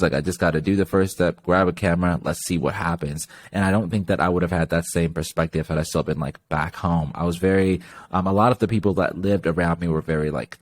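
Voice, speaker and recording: A man's voice: deep voice, no room sound. A young man from Zimbabwe, a podcast guest talking casually with lots of filler words. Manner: relaxed, chatty, lots of "like" fillers. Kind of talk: casual interview chat.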